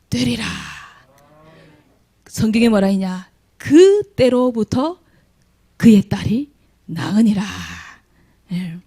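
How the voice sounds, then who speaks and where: A woman's voice: fairly high pitch, darkish tone. A woman preaching a sermon to young people, often quizzing her listeners with questions and acting out heartfelt prayers. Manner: acts out dramatic prayers. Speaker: youth preacher. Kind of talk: children's sermon.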